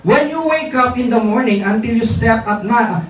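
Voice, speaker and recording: Speaking at a normal pace in a very high voice, a middle-aged man addresses distributors at a live motivational seminar. He jokes with and teases the audience and throws out rhetorical questions, heard at a distance in a large, echoey event hall with a faint crowd in the background.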